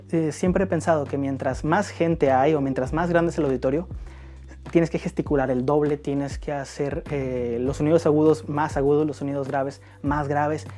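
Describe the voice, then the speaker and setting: A man hosting a casual advice podcast, reading out listener questions and answering them in a relaxed, coaching way. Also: fairly high pitch. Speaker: podcast host.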